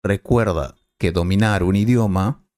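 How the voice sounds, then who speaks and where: A man as a Spanish teacher, explaining clearly and patiently in a scripted lesson dialogue. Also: low voice, a little slow, a little mellow, dry recording, studio quality.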